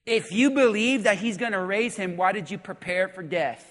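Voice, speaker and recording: Brief: male pastor preaching in a church, very high voice, animated, shouts for emphasis, long hall echo. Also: moderate pace. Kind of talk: sermon. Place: church sanctuary.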